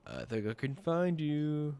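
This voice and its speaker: A man's voice: a little high, measured pace, gravelly, dark tone, clear, resonant tone. A man giving casual gameplay commentary, muttering to himself and trailing off. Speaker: gaming video host. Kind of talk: casual game playthrough commentary. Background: game music.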